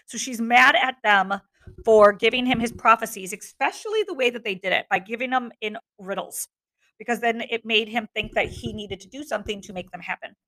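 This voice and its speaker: Woman teacher going over a play out loud, bright voice, casual with lots of ums. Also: a little high, a little fast. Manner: casual, with fillers, breaks from reading to explain. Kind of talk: reading aloud and explaining a play.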